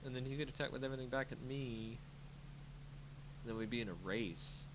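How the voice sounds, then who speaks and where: A man with a mid-range voice talks a little fast over a noisy background while playing a game for his card game channel. He narrates casually, musing to himself playfully and sprinkling in sing-song filler as he thinks.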